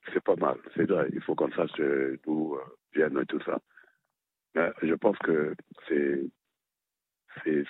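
Very deep, gravelly man leaving a phone voicemail. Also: no echo. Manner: hesitant, many filler pauses. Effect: voicemail message left on a radio answering machine, over a phone line. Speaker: listener caller. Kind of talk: opinion message left on a radio answering machine. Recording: dry, tinny phone line.

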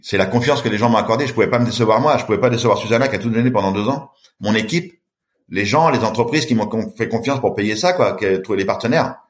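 A man's voice: on the low side, fast talker. A middle-aged man telling a story with animation as a podcast guest, acting out the voices of the people in it. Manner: lively, acts out voices in his story. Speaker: guest, long-distance swimmer.

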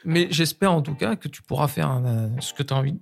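Teasing interviewer with gravelly voice. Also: male voice, fairly high pitch, brisk. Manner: teasing, jokey questions. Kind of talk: casual interview chat.

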